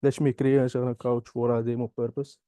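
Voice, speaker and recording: Halting, dark-voiced man from Morocco. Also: mid-range voice, little pitch movement, dry recording. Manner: halting non-native English, many "uh" pauses. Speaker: software engineering graduate. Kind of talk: interview answers and product demo.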